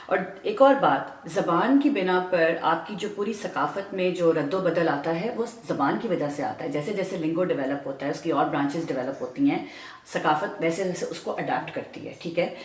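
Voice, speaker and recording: A woman panelist in a casual discussion, explaining earnestly with formal vocabulary. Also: on the low side. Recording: echoey room.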